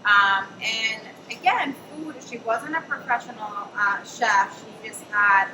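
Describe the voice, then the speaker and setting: In an echoey, noisy café event space, a woman host heard from a distance spins casual anecdotes for a panel, taking her time. Her pitch sits fairly high, and her chatty delivery is packed with fillers and "I'm like."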